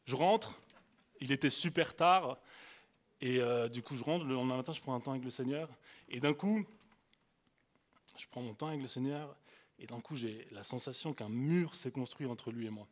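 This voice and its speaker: A young man with an Alsatian accent, preaching a sermon as a youth preacher. He tells stories animatedly, swinging between loud bursts and hushed asides. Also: medium pitch, moderate pace, long pauses. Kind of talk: storytelling sermon.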